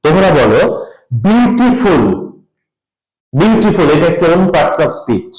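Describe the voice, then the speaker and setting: Lively teacher in an echoey classroom. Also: male voice, high-pitched, normal speed. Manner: quizzing students, drilling spellings aloud. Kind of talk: classroom grammar lesson. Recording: roomy echo.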